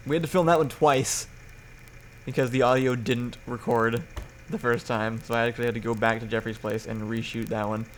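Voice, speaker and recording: A man's voice: mid-range voice, little pitch movement, brisk, a little hiss or hum. A young man hosting a casual livestream podcast on poor-quality audio, rambling and restarting his sentences. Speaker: podcast host.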